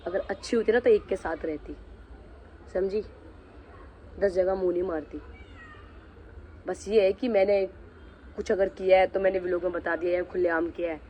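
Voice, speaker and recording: A man's voice: high-pitched, slight background noise. A man vlogging, angrily confronting someone directly and threatening to reveal the truth about them. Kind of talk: angry vlog rant.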